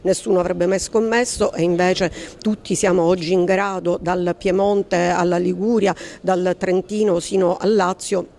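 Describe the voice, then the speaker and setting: A woman's voice: fairly low pitch, fairly even intonation, normal speed, vocal fry, darkish tone. A woman giving a formal, articulate statement as an interviewee.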